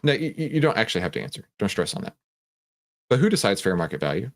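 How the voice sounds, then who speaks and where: With a fairly low voice, vocal fry, and a fast, very animated delivery, a man hosts a live stock trading stream and chats with viewers about the market. He explains emphatically, poses questions and answers them, and habitually finishes statements with "right?"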